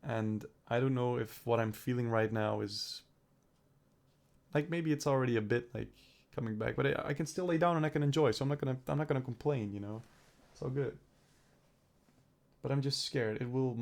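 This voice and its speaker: Gravelly and medium-pitched, this young man speaks at normal speed. He's a vlogger getting over a cold, with his throat clearing up, rambling through his video diary and cursing as he thinks aloud.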